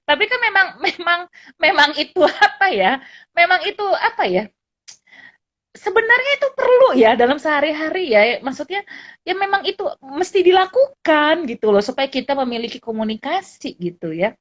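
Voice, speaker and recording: A middle-aged woman psychologist and lecturer chatting casually, telling animated anecdotes and often laughing. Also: high-pitched, moderate pace. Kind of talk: casual storytelling chat. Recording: dull lo-fi recording.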